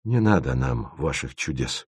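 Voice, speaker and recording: A stern but restrained chief who weighs his words calmly, voiced by a man. The tone is very low and the recording is dry. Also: husky, dry recording, heavily acted. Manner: restrained, measured. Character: calm, reserved, stern male flight chief. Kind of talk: audiobook reading.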